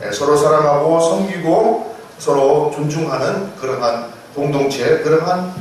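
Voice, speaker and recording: A man's voice: a little high, unhurried, slight background noise. A man, a pastor, preaching a Sunday sermon with rising emphasis and repeated blessings. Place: church sanctuary. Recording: echoey church hall, mic at a distance.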